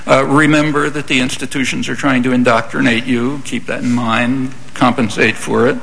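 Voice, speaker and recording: A man answering audience questions at a lecture in a measured, conversational way. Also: mid-range voice, flat delivery, creaky, fairly bright tone, slight background noise, low-quality recording. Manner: measured, conversational, frequent "I mean" and "you know". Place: university lecture hall.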